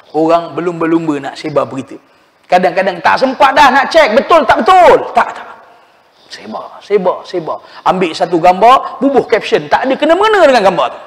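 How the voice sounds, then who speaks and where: Preacher, male, high-pitched, animated sermon storyteller, reverberant mosque sound. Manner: animated storytelling, addresses listeners as "tuan-tuan". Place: mosque hall. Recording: long reverb in a mosque hall.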